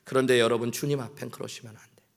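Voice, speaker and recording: A male pastor preaches a sermon in a church, speaking earnestly. His voice sits in an ordinary middle pitch. He acts out prayers and short exchanges as he goes. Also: fairly even intonation, fast, vocal fry. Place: church sanctuary.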